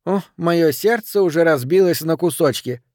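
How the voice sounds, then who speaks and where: A man's voice: on the high side, animated, moderate pace, a little mellow, dry recording, studio quality, close to an everyday voice. A man voicing a fed-up young woman who answers with biting sarcasm. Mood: mocking.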